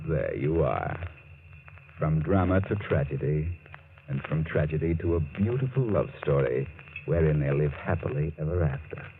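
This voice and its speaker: A man's voice: a bass voice, animated, moderate pace, a little hiss or hum. An American actor playing a sinister, mocking, all-knowing male storyteller in ominous, theatrical 1940s radio mystery narration. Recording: muffled 1940s radio broadcast, loud music.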